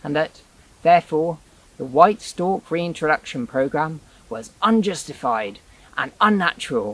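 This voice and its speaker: Gravelly man narrating a wry explainer. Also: a little high, low-quality recording. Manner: dry wry asides in an even explanatory delivery. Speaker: rewilding channel presenter.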